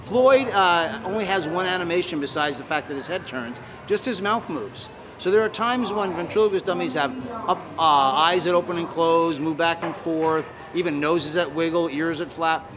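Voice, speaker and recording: A man's voice: a little high, normal speed, hardly any pauses, background noise. An American man in his sixties, chatting in an upbeat, casual interview as a ventriloquist. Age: 60s. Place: large open-sided fairground shed.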